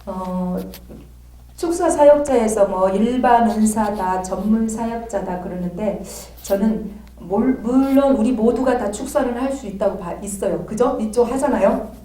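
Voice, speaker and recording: A woman's voice: mid-range voice, a little slow, mellow. A woman giving a classroom lecture at a theology institute, talking conversationally and often checking in with her listeners. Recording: roomy, from a distance.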